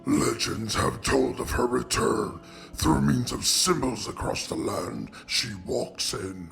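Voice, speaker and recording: A man voicing a solemn, ancient godlike oracle who speaks as "we" in a slow, grave storytelling cadence. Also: medium pitch, gravelly, a bit bright, a little hiss or hum, full character voice. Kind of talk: amateur fantasy audio drama.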